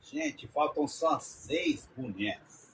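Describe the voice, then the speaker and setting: A man's voice: on the high side, expressive, takes it slowly, slight background noise, poor audio. A man co-hosting a live stream, joking and reading out viewer comments. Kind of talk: casual live stream banter.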